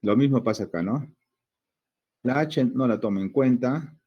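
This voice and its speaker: With a Peruvian Spanish accent and a husky, medium-pitched voice, a man teaches a grammar lesson in a recording with the highs cut off. He works step by step and checks in with frequent questions, slowly drawing out words to break them into syllables.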